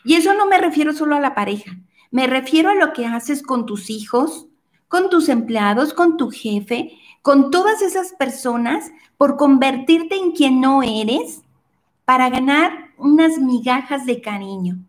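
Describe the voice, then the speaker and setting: A woman with a high voice tells a fable in an expressive way. She speaks straight to her listeners and turns the tale into a lesson about life. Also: measured pace. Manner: expressive, addresses listeners directly. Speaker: speaker, storyteller. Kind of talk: storytelling with a moral lesson.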